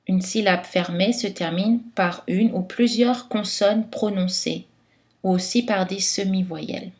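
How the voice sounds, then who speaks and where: A woman giving a scripted phonetics lesson, articulating each word carefully and clearly. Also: medium pitch. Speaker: phonetics teacher.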